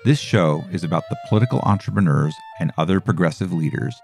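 A man's voice: low voice, fast talker, creaky, a little mellow, faint music behind. A man hosting a podcast, opening the show and asking his guest plain, conversational questions. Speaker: podcast host. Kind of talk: podcast intro and interviewing.

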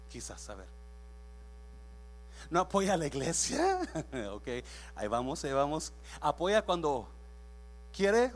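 A man preaching a sermon in church as pastor. He preaches with emphasis, repeats his phrases, quizzes the congregation and drops English words into his speech. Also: high-pitched.

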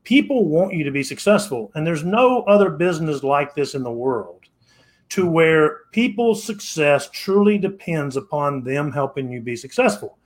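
In a fairly high voice, a man in his sixties gives motivational talk as a podcast guest. He's animated and moderately paced, preachy and repetitive, often restarting phrases to hammer his point home.

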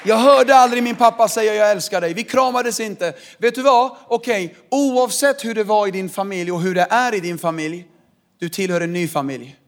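Male pastor, Swedish accent, high voice, lively sermon delivery. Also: some chatter behind. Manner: animated, swings from quiet to shouting. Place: large hall with live audience.

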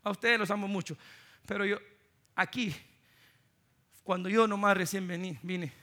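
Bright-voiced Guatemalan pastor preaching. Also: male voice, normal speed. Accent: Guatemalan Spanish. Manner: animated storytelling, swinging from loud preaching to soft, low asides. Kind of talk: sermon.

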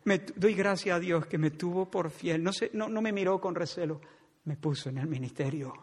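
Impassioned preacher in echoing hall. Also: male voice, high voice, normal speed. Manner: impassioned preaching, rising to pleading. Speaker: pastor. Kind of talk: sermon. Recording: husky voice in long church reverb.

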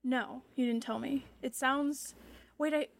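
A woman's voice: sits high, fairly even intonation, unhurried, gravelly. A woman producer joining a casual podcast chat, eager and game as she learns.

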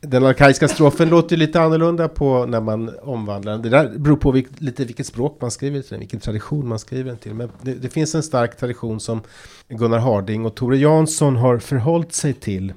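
A man leads a conversation about reading poetry aloud, pausing and restarting often. He explains patiently in an ordinary mid-pitched voice. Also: a little mellow. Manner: hesitant, many fillers and restarts, explains patiently. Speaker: podcast host. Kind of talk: casual discussion of poetry.

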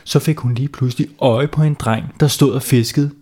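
A man's voice: mid-range voice, fairly even intonation, warm tone. Guy reading a goofy kids story, playful, chats with the kids. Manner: playful, talks with kids listening. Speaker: storyteller, host. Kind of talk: children's story narration.

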